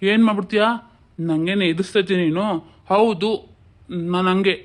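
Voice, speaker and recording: A man plays a domineering husband in a home drama, with a high-pitched male voice. He scolds and threatens, bullying every word. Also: steady tone, a little fast, close to an everyday voice. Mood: menacing.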